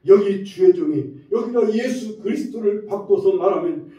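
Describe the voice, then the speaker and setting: High-voiced male pastor in an echoey church. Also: normal speed. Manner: preaching with frequent shifts in force, rising to near-shouts. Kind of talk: sermon. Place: church sanctuary. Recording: roomy echo from a distance, dull lo-fi sound.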